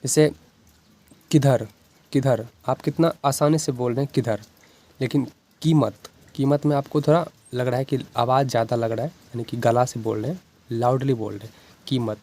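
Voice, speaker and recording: A man's voice: mid-range voice, steady tone, a little fast, warm tone. A man with a Bihari Hindi accent, in a mid-range voice, teaches a beginner's lesson. He explains step by step in a patient, repetitive way and keeps checking that the viewer is following along. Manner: patient, repeats "ठीक है ना" often.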